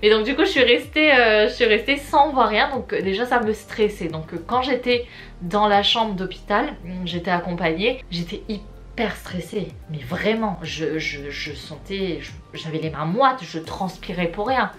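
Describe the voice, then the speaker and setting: A woman's voice: mid-range voice, moderate pace, fairly bright tone, soft background music. A woman vlogger chatting casually and expressively to her viewers as she tells a personal story. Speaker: YouTube vlogger. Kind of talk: story time vlog, casual chat to viewers.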